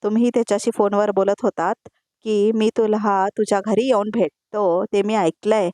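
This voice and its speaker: A woman's voice: mid-range voice, fairly even intonation, normal speed, dark tone, no echo, lightly acted. A woman voicing an angry wife who accuses her husband in a scolding way. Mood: accusing.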